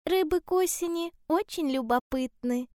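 A woman's voice: high-pitched, moderate pace, mellow, no room sound, studio quality, pitched above the performer's own voice, close to an everyday voice. A woman voicing a small, cheerful male hedgehog in a storybook reading, eager and sure of himself. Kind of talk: storybook character voice.

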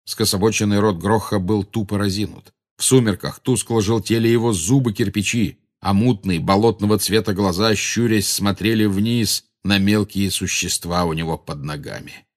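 A man with a somewhat low voice reads a novel aloud. His scripted narration is steady and dramatic. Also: normal speed, few pauses. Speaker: audiobook narrator.

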